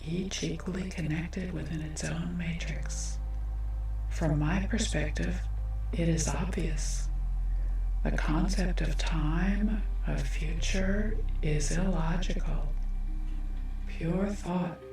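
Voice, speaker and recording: Android AI played by a woman, ASMR role-play, creaky, robotic, detached, superior, heavily echoed, music behind. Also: low-pitched, heavily acted. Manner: robotic android delivery, measured, formal, detached. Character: omnipotent female android AI from the future, cold, superior. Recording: long echo, distant, music behind.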